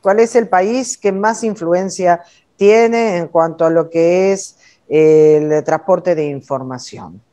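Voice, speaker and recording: A woman's voice: fairly low pitch, takes it slowly, warm tone. A middle-aged woman with an Argentine Spanish accent hosting a TV interview, asking probing questions and adding short affirmations. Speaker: interviewer, TV host. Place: studio set with brick wall.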